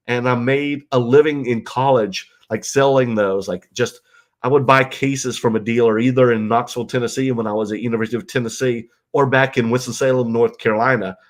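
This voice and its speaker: A congested man with a mid-range voice hosts a casual livestream from a guest bedroom at home, chatting and reading viewer comments. Stuffed up from illness, he rambles loosely, full of ums and you-knows.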